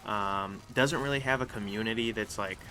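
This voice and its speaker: Rambling through live gameplay, this young gaming channel host speaks in a sharp tone on the low side. His casual commentary is halting and full of fillers and restarts, and faint background noise is audible.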